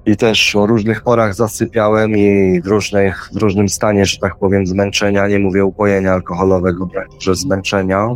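A man's voice: fairly low pitch, flat delivery, normal speed, few pauses. A man telling a personal experience in casual, rambling speech, acting out his own quoted words as he goes. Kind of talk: casual spoken storytelling.

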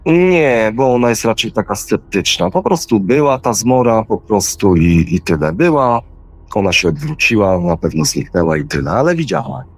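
A man's voice: lowish voice, animated, normal speed. A man telling a personal experience in casual, rambling speech, acting out his own quoted words as he goes. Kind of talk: casual spoken storytelling.

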